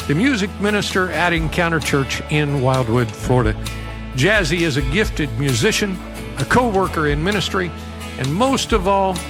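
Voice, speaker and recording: An older man from the American Midwest, a pastor hosting a podcast interview in a studio and speaking in a measured, formal, earnest way. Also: fairly high pitch.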